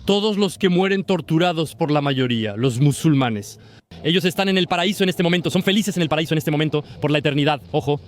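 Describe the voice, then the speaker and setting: A man's voice: a little high, fast talker. A man in his forties from France speaks fervently in a street interview, repeating his key points for emphasis. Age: 40s. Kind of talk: impassioned street interview testimony. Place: outdoors on a city street.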